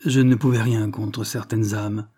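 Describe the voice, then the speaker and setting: A man giving a solemn, measured, expressive dramatic reading of a literary text. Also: on the low side. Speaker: reader.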